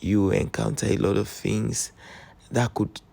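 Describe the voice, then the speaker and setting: A man with a Nigerian accent narrating a travel vlog voice-over in a hoarse, strained voice, chatty and earnest, pleading with his viewers. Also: on the low side, steady tone, unhurried, dark tone. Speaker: travel vlogger.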